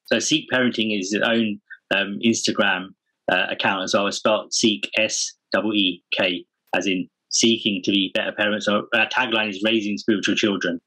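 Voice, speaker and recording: A man's voice: lowish voice, fairly even intonation, moderate pace, sharp tone, husky, rough recording. A man speaking earnestly and informally as a guest in a casual podcast interview. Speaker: podcast guest, parenting community founder.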